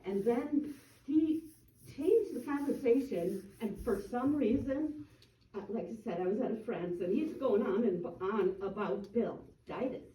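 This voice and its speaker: A woman speaking at a community meeting, telling a personal complaint with emotion and acting out what others shouted at her. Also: on the high side, unhurried. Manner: emotional, quoting others in raised voices. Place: meeting room. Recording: echoey room, far from the mic, dull sound.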